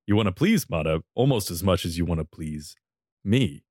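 A man voicing a cocky young man who coaxes and flatters with slow, self-assured lines. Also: sits low, no echo, clean studio sound. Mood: smug.

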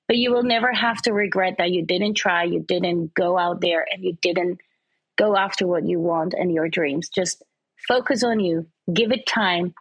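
A woman podcast guest, a presenter and model, giving animated, emphatic advice with lots of repetition. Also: medium pitch, slightly rough, no room sound, rough recording. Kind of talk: podcast interview. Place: lives in Dubai.

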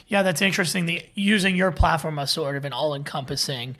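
A man's voice: a little high, brisk, pushed and bright. A man hosting a podcast, asking questions and musing at length, often restarting his phrases and repeating words. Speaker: podcast host. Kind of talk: interview questions and commentary.

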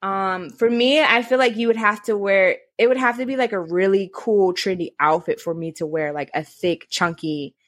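A woman's voice: mid-range voice, moderate pace, hardly any pauses, no echo, clean studio sound. A young woman co-hosting a casual chat, rambling with lots of fillers. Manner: chatty, rambling, many fillers. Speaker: co-host.

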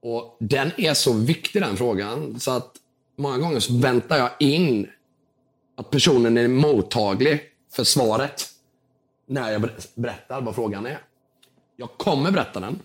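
A young man with a slightly hoarse voice, telling an animated story as a podcast guest and acting out the people in it. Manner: lively storytelling, acts out quotes with big jumps in pitch.

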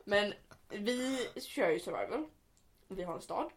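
A young woman chatting casually with her brother, laughing through her stories, swearing offhand and acting out shrill cries when she retells them. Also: animated. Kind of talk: casual chat.

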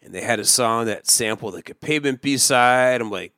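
A man's voice: medium pitch, normal speed, bright, forceful tone, dry recording. Wry, rambling man on a dry close mic. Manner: rambling, wry, self-mocking storytelling. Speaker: podcast co-host. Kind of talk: casual chat.

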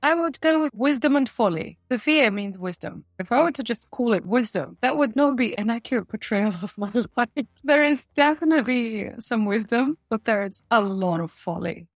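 A woman in her forties, from Russia, answering interview questions in a confident, measured way with light laughs. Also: on the high side, animated, no room sound. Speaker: guest, tech company founder.

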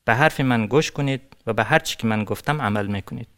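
A man's voice: mid-range voice, fairly bright tone, clear, resonant tone, close to an everyday voice. A man from Afghanistan voicing a small, clever female tortoise in a storybook tale, giving firm instructions. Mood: commanding.

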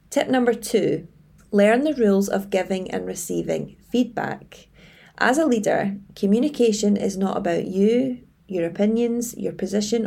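A woman giving scripted advice as a coach, in a tidy, structured and measured way. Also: mid-range voice, gravelly, mellow, breathy edge. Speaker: leadership coach and presenter. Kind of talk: scripted advice presentation to camera.

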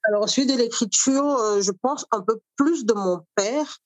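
A middle-aged woman from Cameroon, an author and cook, talking in an interview at a thoughtful pace with many pauses. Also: on the high side, no room sound. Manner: thoughtful, with frequent pauses and fillers. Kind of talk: conversational interview.

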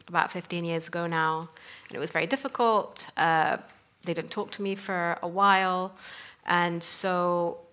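Woman from sudan talking about her book, bright crisp tone, lots of ums. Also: fairly low pitch. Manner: thoughtful, frequent um fillers. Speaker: author and guest speaker. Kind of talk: conversational talk.

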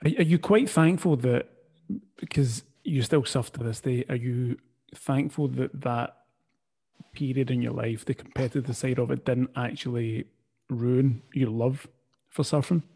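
A man's voice: medium pitch, fairly even intonation, a little slow, gravelly, dark tone, slightly rough. A man hosting an interview, asking questions and dropping brief encouraging replies. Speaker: host.

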